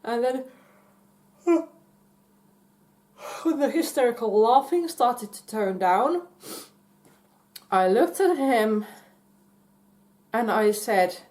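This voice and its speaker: A woman casually telling a personal story in a halting way, full of fillers and restarts and breaking into giggles. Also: mid-range voice, darkish tone. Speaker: vlogger.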